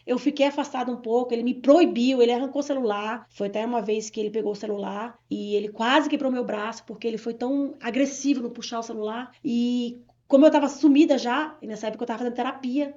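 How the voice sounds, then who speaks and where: A woman from Bahia, Brazil, giving an earnest personal testimony in an interview, talking quickly with many restarts. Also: on the high side, fairly even intonation, dark tone. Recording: dull lo-fi sound.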